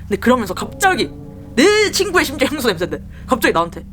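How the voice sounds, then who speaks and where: A woman's voice: sits high, quick pace, faint music behind. A young woman casually telling creepy personal stories while doing her makeup, acting out the people in them. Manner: lively, mimics the people in her story. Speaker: storyteller.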